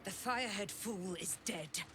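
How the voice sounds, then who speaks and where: An actress playing a stern, proud female paladin knight in a video game, speaking in a measured, formal way. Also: medium pitch, bright, forceful tone, slight background noise. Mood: solemn. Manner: measured, formal, archaic phrasing.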